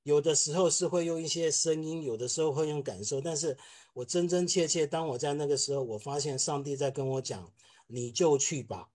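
A man, a film director giving a lively testimony to a church congregation and acting out the people in his story. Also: fairly high pitch, brisk. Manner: animated storytelling, acts out quotes.

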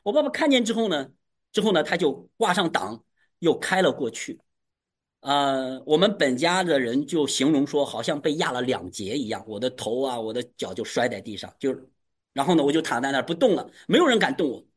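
A man with a slightly husky voice preaches a testimony to his congregation. His pitch swings widely as he tells the story, leaping high on the dramatic moments. It is animated, emphatic storytelling at a mid pitch. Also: brisk. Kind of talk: testimony sermon.

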